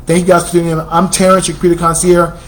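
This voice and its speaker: Chatty salesy American man, high voice. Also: flat delivery, very fast, fairly bright tone, low-quality recording. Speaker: computer store host. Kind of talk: casual promotional talk.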